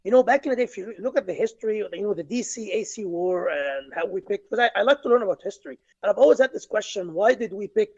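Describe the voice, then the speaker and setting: A man's voice: sits high, animated, fast, creaky, few pauses, darkish tone. A man, explaining technical points on a video call from a home office, with frequent restarts. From Egypt. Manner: explanatory, many restarts and fillers. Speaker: guest engineer. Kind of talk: webinar discussion. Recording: dull lo-fi video call audio.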